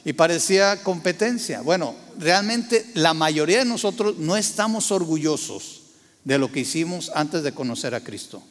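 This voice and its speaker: A man's voice: on the high side, lively intonation, moderate pace, long reverb tail. A man preaching a sermon, asking the congregation questions and acting out quotes. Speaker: pastor.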